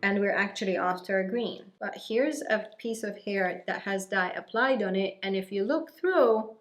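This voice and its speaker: This beauty vlogger from Malta, speaking with a Maltese accent at a normal pace in a mid-range voice, walks viewers through dyeing hair with lively, emphatic chatter over background music.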